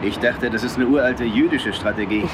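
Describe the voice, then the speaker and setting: An actor plays a bantering man traveler in a film, mid-pitched and easygoing. Loud train noise runs under every line. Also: a little fast, natural voice. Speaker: film character. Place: train compartment.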